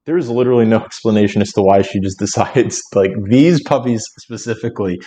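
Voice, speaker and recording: A man's voice: lowish voice, fairly quick, dark tone. A man co-hosting a film podcast in casual chat, rambling with lots of fillers and frequent laughter. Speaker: podcast co-host.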